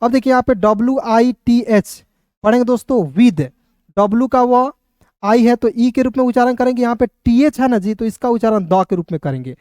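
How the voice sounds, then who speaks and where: With a brisk pace and an extremely high, darkish voice, a male teacher leads an online phonics lesson, spelling words out letter by letter. He treats viewers as friends and asks and answers his own questions, recorded dry.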